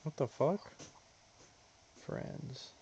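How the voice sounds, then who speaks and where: A man's voice: extremely slow, dull audio, background noise. A man streaming games, chatting casually with crude, teasing banter. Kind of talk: casual gaming stream chat.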